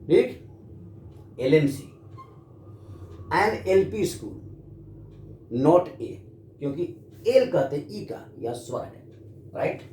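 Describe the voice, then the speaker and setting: Animated Indian teacher in echoey room. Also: male voice, on the high side, slow pace, pauses often. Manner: addresses students, asks and answers his own questions. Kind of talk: classroom grammar lesson. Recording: echoey room with faint background noise.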